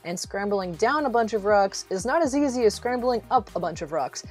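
A woman speaks briskly and expressively in a mid-range voice, hosting a travel vlog. Her voice-over is a casual, upbeat guide addressed to the listener, set against background music.

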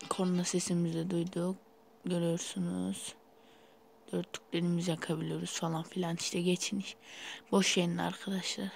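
A man's voice: high voice, level tone, brisk, creaky, slight background noise. A young man giving casual, rambling gameplay commentary while sleepy, with sudden startled outbursts. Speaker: gaming YouTuber.

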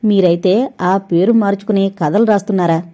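A woman's voice: mid-range voice, fairly even intonation, moderate pace, dark tone, muffled recording, natural voice. Shy earnest young man, read by a woman. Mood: bashful. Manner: hesitant, mumbling.

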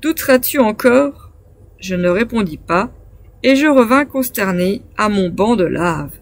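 A woman reading a classic adventure novel aloud as an audiobook narrator, in a measured, phrase-by-phrase delivery. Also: mid-range voice, lively intonation, no echo. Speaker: audiobook reader.

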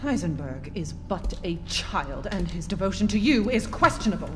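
A woman's voice: fairly low pitch, sing-song, moderate pace, noisy background. An actress playing a towering, haughty aristocratic lady villain, refined and disdainful, in a video game. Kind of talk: video game cutscene acting.

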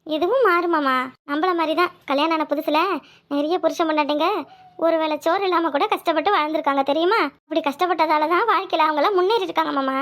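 A woman's voice: very high voice, fast talker, a bit bright. A woman voicing a young pregnant wife in a cartoon, earnest and hopeful about their future. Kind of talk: cartoon voice acting.

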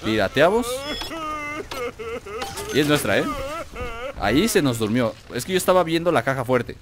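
A man's voice: medium pitch, sing-song, normal speed, crowd noise. A man with a Mexican accent who chats and jokes to himself and his viewers while playing a video game. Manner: jokey, chatty, talks to himself and the viewers. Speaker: gaming video host. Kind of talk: let's play commentary.

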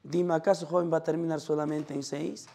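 Gravelly Peruvian math teacher quizzing students. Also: male voice, a little high, steady tone, brisk, mellow, a little hiss or hum. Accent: Peruvian Spanish. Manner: quizzes students constantly, calling them "joven". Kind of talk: classroom math lecture. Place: classroom.

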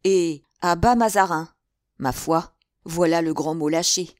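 A woman's voice: lowish voice, measured pace, darkish tone, no echo, clean studio sound, close to an everyday voice. A woman voicing a bold, cool-headed musketeer officer in an audiobook, brash and emphatic. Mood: wry.

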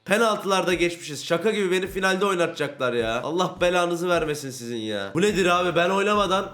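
Excitable man ranting over gameplay. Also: sits high, quick pace. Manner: frustrated, swearing and ranting at the game; excitable, shouting at big plays. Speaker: gaming YouTuber. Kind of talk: casual gameplay commentary.

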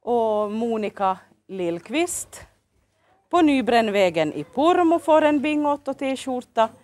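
With a fairly high, darkish voice that has a sing-song lilt, a Finland Swedish-accented woman hosts a children's show in a local TV studio. She coaxes the kids along with cheerful questions.

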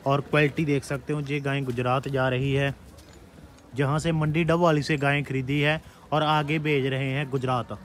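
A man hosting a farming channel at an outdoor cattle market, asking about cows and addressing farmers in a plain, steady way. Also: mid-range voice, normal speed, a little hiss or hum. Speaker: channel host. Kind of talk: presenting cattle rates to farmers.

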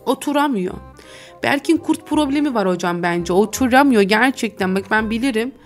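A woman's voice: a little high, lively intonation, moderate pace, soft background music. A woman streamer giving casual, teasing commentary over a role-play game, often breaking into giggles. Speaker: gaming streamer.

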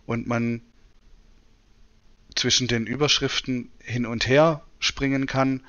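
A man presenting a software demonstration in tutorial narration. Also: mid-range voice. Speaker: presenter demonstrating screen reader.

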